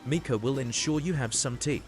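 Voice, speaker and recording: A woman's voice: a bass voice, fairly quick, darkish tone, faint music behind. A woman playing a self-styled overlord in a grandiose, scripted stream greeting that welcomes guests to a realm.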